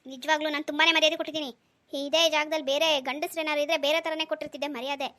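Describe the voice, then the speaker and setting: A woman's voice: sits high, flat delivery, rapid-fire, bright, forceful tone. A woman voicing a protective husband and father in a cartoon, scolding and soothing by turns. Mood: angry. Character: protective husband and father, stern yet tender. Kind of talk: cartoon dialogue.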